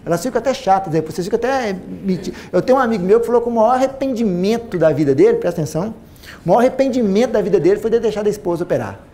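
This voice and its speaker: A man in his forties with a Minas Gerais accent, a plastic surgeon giving an animated seminar talk to a large audience on a lapel mic, repeating phrases for emphasis. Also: sits high, very fast. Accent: Brazilian Portuguese, Minas Gerais. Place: auditorium stage with a large audience.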